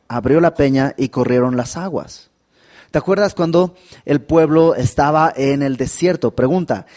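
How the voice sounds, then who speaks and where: A man with a Mexican Spanish accent preaching a verse-by-verse Bible sermon, animated and often turning to the listener with questions. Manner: animated, with dramatic pitch swings and asides to the listener. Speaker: pastor.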